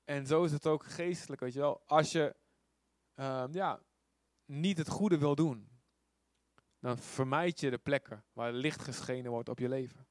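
Male preacher, informal and animated, fond of rhetorical questions, dry close sound. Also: medium pitch, unhurried, dry recording. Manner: animated storytelling with acted quotes. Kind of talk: conversational sermon.

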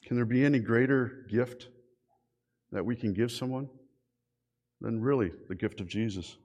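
A middle-aged male pastor gives a sermon in an animated, conversational way. He tells stories and poses rhetorical questions to the congregation. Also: mid-range voice, moderate pace.

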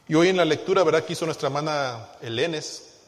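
A man preaching a sermon, asking his congregation questions and swinging between hushed and loud emphasis. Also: a little high, a little fast. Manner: call-and-response questions to the congregation. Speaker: pastor. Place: church sanctuary. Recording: long hall reverb.

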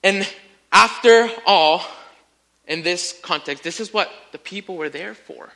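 Male preacher, sermon, animated storytelling, high voice, piercingly bright tone. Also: measured pace, gravelly. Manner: animated storytelling, rising to near-shouts in acted quotes; addresses listeners as friends.

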